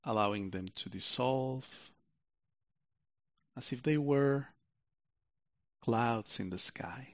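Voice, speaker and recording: Slow, gravelly man guiding sleep meditation. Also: medium pitch, dry recording, dull audio. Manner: soothing, unhurried, with long pauses. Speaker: meditation guide. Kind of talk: guided sleep meditation narration, like a sleep story narrator.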